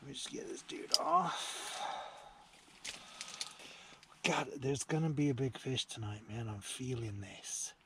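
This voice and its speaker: On a beach at night beside a small shelter, a fishing vlogger in his forties keeps up a casual, matey, enthusiastic commentary to camera as he fishes. He has a mid-range voice, talks slowly and pauses often, and the outdoor recording is clearly noisy.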